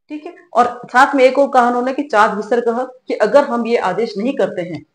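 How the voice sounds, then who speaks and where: A middle-aged woman with a slightly high voice teaches a grammar lesson. She explains each step patiently and often pauses to check that her students are following. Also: a little mellow. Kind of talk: classroom-style grammar lesson.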